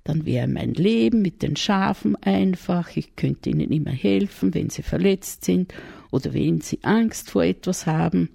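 A woman's voice: lowish voice, lively intonation, a little slow, vocal fry, mellow, no room sound, clean studio sound, voice pushed up, exaggerated voice. A woman with an Austrian accent voicing a timid, tender-hearted little shepherd boy who talks in a dreamy, gushing way.

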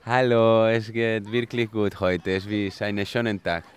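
A man from Spain with a Spanish accent, a native Spanish speaker, giving casual interview answers at a children's festival. He talks haltingly and searches for words. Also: on the low side, flat delivery, clear, resonant tone.

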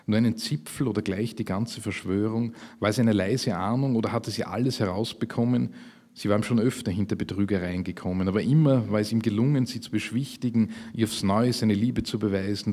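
A man reading his own fiction aloud at a literary event, measured and slowing for emphasis. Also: on the low side, a little mellow. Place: public reading at a literary festival.

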